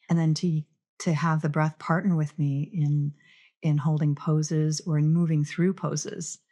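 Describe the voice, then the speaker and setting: A woman with a notably low voice talks as a podcast guest. She sounds thoughtful and earnest, restarting phrases now and then as she reflects aloud. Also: darkish tone. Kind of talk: reflective conversational interview.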